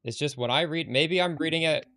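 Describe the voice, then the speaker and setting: A man's voice: on the high side, brisk, pushed and bright. A man live-streaming a game, talking bluntly and with some exasperation as he answers chat, swearing casually.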